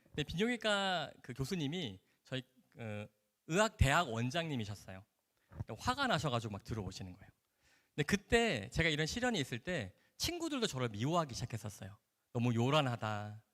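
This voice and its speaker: A man's voice: on the high side, wildly swooping pitch, a little fast, fairly bright tone. A man, a doctor, telling a personal testimony in a storytelling way and acting out the dialogue. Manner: storyteller who acts out quoted dialogue. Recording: long hall reverb.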